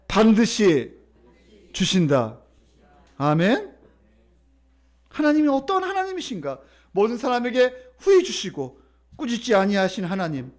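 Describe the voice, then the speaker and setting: High-voiced emphatic Korean pastor preaching. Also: male voice. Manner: emphatic, repetitive preaching with congregation call-and-response. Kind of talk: sermon. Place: church sanctuary.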